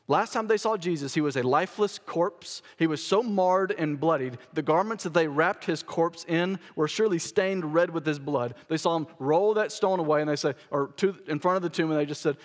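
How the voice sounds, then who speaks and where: A man's voice: fairly high pitch, long reverb tail. A man preaching a sermon as pastor, emphatic and repeating key phrases for stress, in a church sanctuary.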